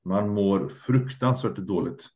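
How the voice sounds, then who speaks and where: Low-voiced earnest man, reflective. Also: darkish tone. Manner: earnest, reflective, trails off and repeats words. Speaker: podcast guest, lecturer. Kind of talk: candid conversation.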